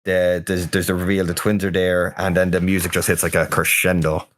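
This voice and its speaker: Low-voiced Australian man, rambling. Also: flat delivery, brisk, a bit bright. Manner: rambling, repeats words while searching for them. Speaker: podcast co-host. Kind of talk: casual film discussion. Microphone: online voice call.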